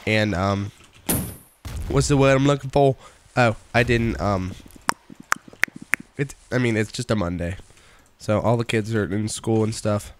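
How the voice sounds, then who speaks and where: A young man streaming a video game live, chatting casually, reading chat aloud and breaking into excited outbursts while he plays. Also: lowish voice, a little slow, long pauses, background noise.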